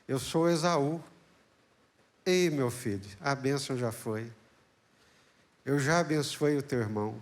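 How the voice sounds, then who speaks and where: A man's voice: mid-range voice, measured pace, pauses often, natural voice. A man voicing an old father who speaks tenderly but firmly to his son. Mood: sorrowful. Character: old father, gentle and sorrowful.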